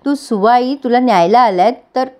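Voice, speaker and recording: A woman voicing a calm, supportive middle-aged father who reassures his daughter. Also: a little high, normal speed, lightly acted. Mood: reassuring.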